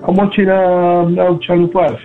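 A man's voice: high-pitched, normal speed. A man calling in to a radio show over the phone, chatting casually with lots of hesitations. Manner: relaxed, hesitant, lots of ums. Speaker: caller. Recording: tinny phone line, faint music.

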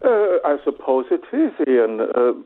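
A man calling into a radio show as a guest, speaking in a measured, hesitant way with many pauses. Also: mid-range voice, sing-song. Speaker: phone-in guest, party spokesman. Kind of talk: radio interview over the phone. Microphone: telephone. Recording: tinny phone line.

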